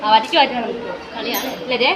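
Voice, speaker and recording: A travel vlogger talks fast in a fairly high voice over a noisy crowd, filming on a phone. Chatty and exclamatory, she keeps addressing her viewers as guys in casual vlog chat. She starts on a rooftop terrace in the hot sun, then goes indoors, and the background noise is loud.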